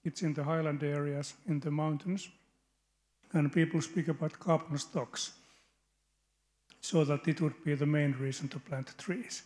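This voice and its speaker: A man with a Finnish accent, a researcher speaking up from the audience at a conference, halting and hesitant. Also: a little high, steady tone, a little mellow. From Finland. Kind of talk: spontaneous comment from the floor. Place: conference hall.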